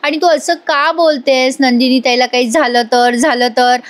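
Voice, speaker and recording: A woman's voice: high voice, steady tone, normal speed, natural voice. A woman voicing a worried mother-in-law who demands answers, in a retold serial scene. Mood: anxious.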